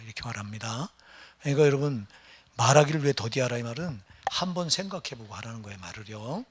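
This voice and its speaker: Casting: middle-aged male pastor, husky, chatty sermon, keeps asking the congregation. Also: medium pitch. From Gyeonggi Province, Korea. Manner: conversational, questions the congregation.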